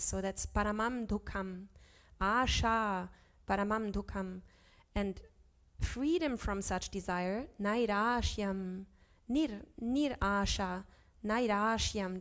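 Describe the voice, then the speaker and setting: A woman teaching a class on Sanskrit scripture, chanting verses slowly and correcting herself aloud as she goes. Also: mid-range voice. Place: ashram class.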